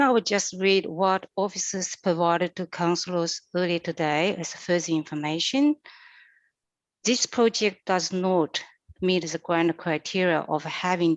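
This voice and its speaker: A woman serving as a council CEO, reading officers' advice aloud in a measured, formal way at a council meeting. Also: fairly low pitch, dry recording.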